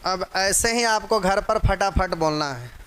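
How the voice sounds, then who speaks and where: High bright-voiced Hindi math teacher. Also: male voice, lively intonation, unhurried, clear, resonant tone. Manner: drills fraction-percent pairs aloud, addresses students as "pyare". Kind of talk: exam-prep math lesson.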